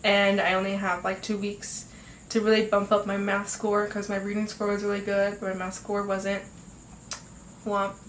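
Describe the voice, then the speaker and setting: A teenager hosting her own podcast talks in a mid-range, monotone voice at a moderate pace, a bit nasal from congestion. Still, her casual chat is upbeat, with lots of fillers and laughs. The echoey home room has faint ambience and a little hiss or hum.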